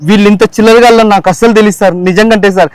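High, rapid indignant man, dry sound. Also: steady tone, clean tone, dry recording. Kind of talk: comedy sketch acting.

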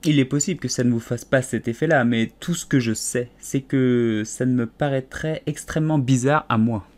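A man's voice: mid-range voice, moderate pace, darkish tone, close to an everyday voice. A man voicing a shy, polite little girl in an audiobook, stammering and hesitant. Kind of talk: audiobook character voice.

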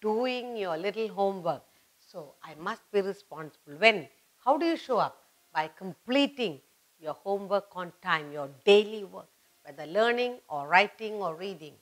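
An expressive, medium-pitched woman of middle age, her accent Indian, leads a lesson for young kids at a whiteboard in an indoor studio, moving at a moderate pace. She emphasizes short, repeated phrases and questions, and the recording quality is low.

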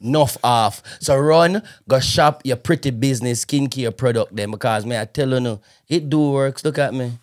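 A man with a Jamaican accent hosting a casual podcast, talking in a lively, playful way and dropping patois phrases. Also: mid-range voice, moderate pace, few pauses. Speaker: podcast host.

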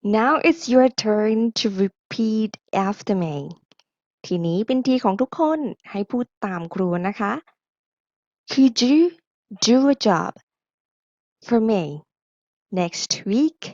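A woman's voice: on the high side, drawn-out words, darkish tone, no echo, highs cut off. A woman teaching an English lesson, drilling pronunciation and having listeners repeat after her.

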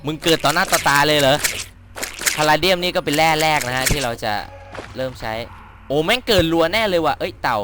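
Excitable young man narrating gameplay. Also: on the high side, brisk. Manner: chatty and excitable, swearing and exclaiming at the game. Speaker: gameplay commentator. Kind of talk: let's-play commentary. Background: game music.

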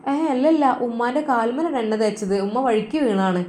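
A woman voicing a dutiful young daughter who speaks softly and pleadingly, in a Malappuram Malayalam accent. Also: a little high, expressive, brisk, a little hiss or hum, natural voice. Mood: anxious.

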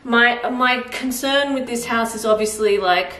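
A vlogger in her thirties with an Australian accent chats casually while cooking at home, rambling and thinking aloud with fillers in a cook-along video. Her voice is on the high side, unhurried and fairly bright. Picked up off-mic by a camera mic a few feet away, it carries a roomy kitchen echo.

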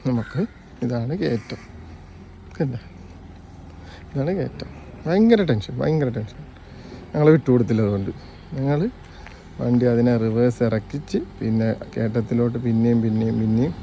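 A man's voice: medium pitch, mellow, a little hiss or hum. A man working as a driving instructor, narrating and coaching a learner from inside a car, teasing and repeating his questions.

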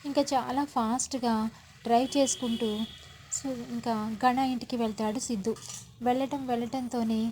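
A woman's voice: a little high, fairly even intonation, normal speed, a little mellow, a little hiss or hum. A woman retelling a TV serial episode, reading all the characters' lines herself with linking phrases between them. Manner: reads every character's lines in her own voice with linking phrases. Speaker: TV serial recap narrator.

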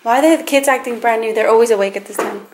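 A woman's voice: on the high side, fast talker, a little mellow. Giggly young woman vlogging at home. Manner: giggly, chatty, mixes in another language. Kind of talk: casual vlog chat. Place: family home at a meal. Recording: noisy home camera audio.

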